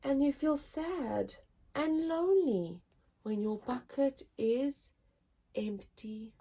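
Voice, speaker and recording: With a high-pitched voice carrying a breathy edge, a woman reads a picture book aloud for a children's story time. She's expressive and deliberate, sounding like a teacher addressing young kids.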